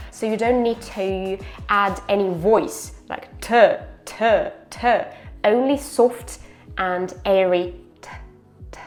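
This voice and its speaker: A woman pronunciation teacher giving a slow, careful lesson. She says each word twice, then explains where to put the tongue and jaw. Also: medium pitch, darkish tone.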